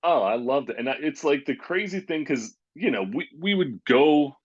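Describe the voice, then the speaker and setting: A former pro basketball player tells rambling stories in a casual interview, packed with fillers and quotes of his own words. His voice sits on the high side, expressive and slightly rough, at a moderate pace. The recording is dry and dull with a lo-fi quality and no echo.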